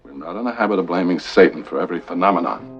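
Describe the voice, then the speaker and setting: An actor playing a sober, dismissive authority figure in a horror film. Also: male voice, deep voice, expressive, rapid-fire, faint music behind. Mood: stern dismissal. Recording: dull lo-fi old film audio.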